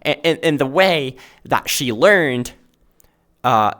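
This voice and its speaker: A man who grew up speaking Finnish teaches math informally as a host in a virtual reality chat space. He sounds animated and fairly bright in a mid-range voice, talks slowly, searches for words, and keeps asking "right?".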